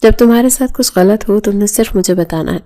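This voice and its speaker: A woman's voice: mid-range voice, warm tone, close to an everyday voice. A woman reading the lines of a stern young husband in a storybook narration, firm and commanding. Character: stern young husband, gruff then gentle.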